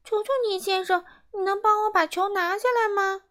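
A woman's voice: flat delivery, normal speed, fairly bright tone. A woman voicing a little crying boy who begs for help. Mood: pleading. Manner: high, pleading.

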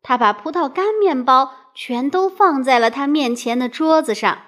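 A woman telling a children's storybook aloud, expressive and asking the listener playful questions. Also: sits high, normal speed.

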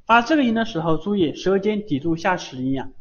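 A man's voice: sits high, expressive, fast. A man teaching Japanese syllables in a live online lesson, patiently repeating each sound over and over. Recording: dull lo-fi stream audio.

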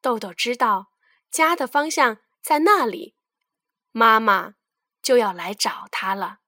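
A woman tells a children's story in a gentle, expressive way. Her voice is high. The recording is close and dry, with no room echo. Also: slow pace.

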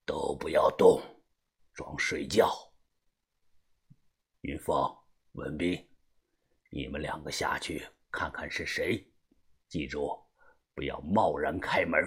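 A man voicing a calm, shrewd middle-aged gang leader in an audiobook, speaking low and half-whispered. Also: slow pace, long pauses, slightly rough, heavily acted. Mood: calm, commanding.

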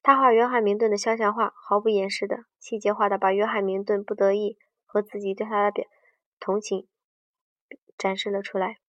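Her mid-range voice is fairly quick and a little bright, with not much rise or fall in pitch, as she reads a book aloud hesitantly, often faltering and correcting herself before finishing a sentence. The audio is echo-free, dull, and distant.

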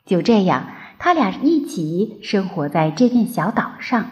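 A woman reading a children's story aloud in an expressive, sing-song storytelling manner. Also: medium pitch, unhurried. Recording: dull lo-fi recording.

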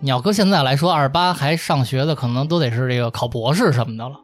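Speaking fast in a mid-range voice, a Beijing-accented male host recounts a history story colloquially, voicing the characters' lines himself along the way. Soft music plays behind him, and there's no room sound.

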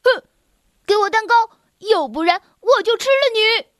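A woman's voice: very high voice, animated, moderate pace, fairly bright tone, dry recording, studio quality, pitched above the performer's own voice. A woman voicing a boastful, cowardly, hungry male wolf in a children's storybook, blustering and whining. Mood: threatening. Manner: blustering and whiny.

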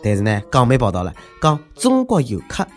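A male host with a clear Shanghai accent offers humorous news commentary at a fairly quick pace. His animated pitch swings carry a sarcastic, mocking, needling tone, yet stay conversational. Music plays in the background.

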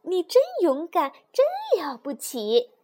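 Woman doing a high eager little toad boy. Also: measured pace. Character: small young male toad, timid and excitable.

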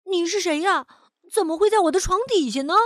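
A woman doing a bright, eager little boy. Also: very high voice, a little fast, dry recording, clean studio sound, pitched above the performer's own voice. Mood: puzzled gentle. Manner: bright, excited, coaxing.

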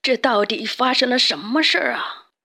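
A woman's voice: on the high side, moderate pace, creaky, pushed and bright, full character voice. A woman voicing a bewildered old male rooster grandfather who exclaims in puzzlement in a children's storybook. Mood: baffled.

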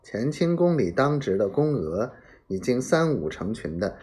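A man reading a serialized historical novel aloud as a storyteller, dramatic and acting out sound effects in hushed whispers. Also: medium pitch, sing-song, measured pace.

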